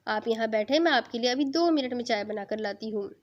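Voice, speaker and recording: A woman's voice: fairly high pitch, close to an everyday voice. A woman reading a chatty, playfully bossy young bride in an audio novel, with a dull lo-fi sound. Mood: playful teasing. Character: teasing bubbly young bride.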